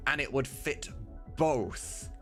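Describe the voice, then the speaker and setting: Speaking slowly in a mid-range, slightly bright voice, a man on a livestream thinks out loud in a casual, enthusiastic way, punctuating things with emphasis and mild profanity. He's a streamer and voice director for a game mod, with music audible behind him.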